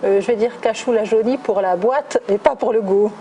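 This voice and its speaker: A middle-aged woman, a guest answering interview questions thoughtfully, pausing often with hesitations. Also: medium pitch, noisy background. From France, southwest (Toulouse). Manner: thoughtful, many hesitations with "euh". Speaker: guest, recruiter.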